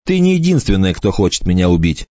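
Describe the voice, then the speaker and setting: A man's voice: low voice, sing-song, fast, warm tone, dry recording. A male narrator voicing a scared young man who stammers and pleads while held at knifepoint, in a dull, dry recording. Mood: desperate insisting.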